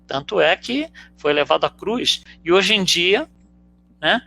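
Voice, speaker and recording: Lively high-voiced Brazilian man lecturing. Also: a little slow, gravelly. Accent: Brazilian Portuguese. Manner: explains with rhetorical questions and frequent "né". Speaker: spiritist lecturer. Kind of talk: conversational teaching talk.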